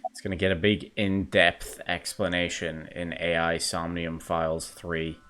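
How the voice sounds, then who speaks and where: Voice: sits low, level tone, measured pace, fairly bright tone, a little hiss or hum. A player giving casual, irreverent reaction commentary over a game, full of wisecracks. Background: game music.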